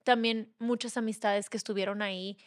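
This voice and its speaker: A woman's voice: mid-range voice, steady tone, moderate pace, no echo, studio quality. A young woman with a Mexican accent, a podcast guest talking candidly and acting out the voices of her family and friends. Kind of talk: casual chat.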